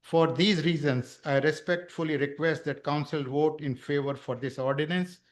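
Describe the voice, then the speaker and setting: A man's voice: on the high side, steady tone, normal speed. A man reading prepared remarks to a township council at a podium microphone. He speaks formally and stumbles over a word now and then. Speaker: public speaker at a council meeting. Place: township council meeting room.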